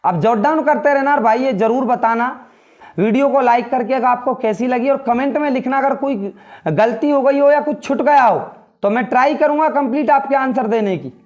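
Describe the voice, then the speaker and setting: High-pitched man teaching grammar. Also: darkish tone, lo-fi sound. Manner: explains step by step, repeating key words; says English sentences slowly and deliberately. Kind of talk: classroom grammar lesson in Hindi.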